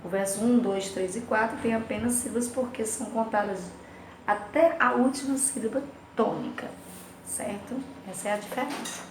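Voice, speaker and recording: A woman's voice: fairly high pitch, normal speed, reverberant, slight background noise, rough recording. A woman teacher with a Brazilian Portuguese accent, going through a lesson for her class and singing bits of nursery rhymes between the explanations. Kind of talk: recorded remote class lesson.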